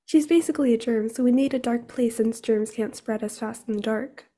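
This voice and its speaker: A woman's voice: fairly high pitch, fairly quick, warm tone, lightly acted. A woman voicing a teenage girl heroine who stammers shyly and then teases. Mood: teasing. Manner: hesitant, then teasing. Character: teenage girl superheroine, shy but quick-witted.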